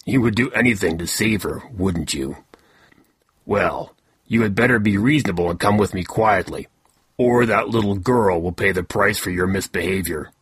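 A man playing a husky low-voiced poacher villain. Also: normal speed, a bit bright, no room sound. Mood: menacing. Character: bald adult male poacher, menacing villain.

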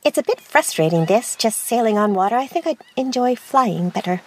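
A bright, eager young woman engineer, put on by a male narrator in falsetto. Her voice is very high and bouncy, full of chirpy enthusiasm, and it leaps around in pitch. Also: expressive, a little fast, exaggerated voice. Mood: wistful.

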